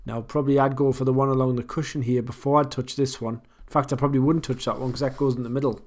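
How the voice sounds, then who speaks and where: This is a man with a mid-range voice giving casual commentary on an online pool match. He talks in a conversational way, often pausing to think aloud about the shot he would play himself. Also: medium pitch, little pitch movement, a little mellow.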